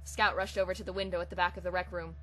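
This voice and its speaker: Racing along in a fairly low, fairly bright voice with little pitch movement, she hosts a comic fan fiction reading. It begins as a casual intro and becomes dramatic storytelling read aloud, with hum and hiss in the background.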